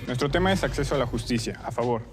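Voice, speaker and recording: A man's voice: mid-range voice, animated, quick pace, over music. A man in his twenties with a Mexican Spanish accent arguing a debate position earnestly, with frequent restarts and hesitations. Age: 20s. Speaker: university debate student. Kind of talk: debate argument.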